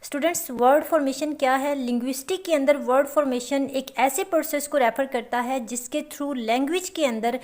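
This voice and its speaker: A woman's voice: high-pitched, darkish tone. A woman teaching a lecture to students, explaining step by step and often checking that they follow. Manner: explains slowly with repeated check-ins.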